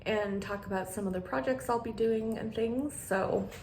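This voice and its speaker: A woman's voice: a little high, normal speed, darkish tone. A woman chatting casually to her viewers as a vlogger, with a slight lisp from wearing a retainer. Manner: friendly rambling chat addressed to viewers. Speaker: beauty vlogger and channel host. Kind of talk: casual chatty sit-down vlog. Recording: echoey room with clear background noise.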